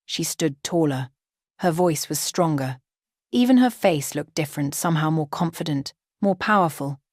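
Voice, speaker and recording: A woman narrating a first-person story in a steady, dramatic way. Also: low voice, normal speed, dry recording, clean studio sound.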